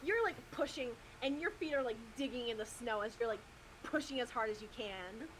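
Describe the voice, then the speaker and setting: High-voiced woman running a tabletop game. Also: animated, fairly quick, a little hiss or hum, poor audio. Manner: laughing, casual, swears playfully. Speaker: dungeon master.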